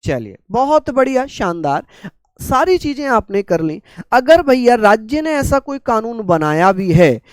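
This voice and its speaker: Indian guy teaching an online class, sore throat, goes slow, repeats stuff, dry close sound. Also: extremely high pitch, sing-song, clear, resonant tone, dry recording. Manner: slow, repetitive teaching with questions to students. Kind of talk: live online class lecture.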